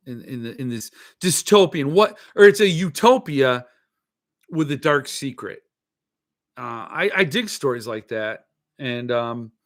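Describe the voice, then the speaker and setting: With a fairly bright, mid-range voice, this man hosts a book-collecting show and rambles casually about what interests him. A lisp turns his s sounds slushy, and he thinks aloud hesitantly, often drifting off into asides.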